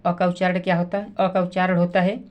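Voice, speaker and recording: A woman teacher, explaining spelling slowly, repeating words and sounding out letters. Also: on the low side, little pitch movement, highs cut off. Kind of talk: slow classroom explanation.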